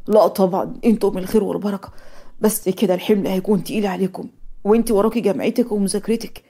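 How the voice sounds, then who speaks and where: A woman voicing a gentle, modest young man with an Egyptian accent, speaking softly, in a cartoon story. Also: mid-range voice, steady tone, racing, breathy edge, pitched below the performer's own voice. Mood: subdued.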